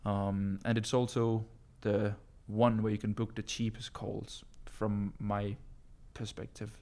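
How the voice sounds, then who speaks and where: In a casual live-stream Q&A, a man from Denmark coaches viewers in English, his second language, using a low, darkish voice that stays level and slow. He keeps things loose, calling listeners bro and filling his answers with plenty of ums and uhs.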